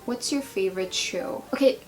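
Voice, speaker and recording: A woman's voice: medium pitch, normal speed, music in the background. A woman in her twenties chatting casually in a tag video, rambling and playful as she answers questions. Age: 20s. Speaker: beauty and lifestyle vlogger.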